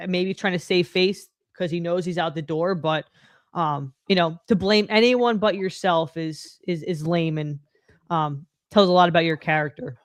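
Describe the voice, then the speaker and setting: A woman's voice: fairly low pitch, fairly even intonation, normal speed, no room sound. Female sports podcast co-host, blunt and stat-minded, dry close sound. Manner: blunt, dismissive, stat-driven. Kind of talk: casual sports chat.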